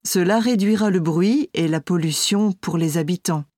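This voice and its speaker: A woman's voice: on the low side, moderate pace, a little mellow, dry recording, clean studio sound, lightly acted. A woman playing a composed architect. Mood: calm. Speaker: architect being interviewed. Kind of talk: scripted exam listening dialogue.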